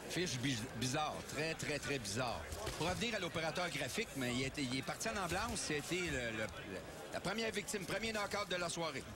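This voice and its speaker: A man's voice: a little high, very animated, a little fast, crowd noise. A man working as a boxing analyst in live commentary, recounting fighters' records. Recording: very noisy arena broadcast.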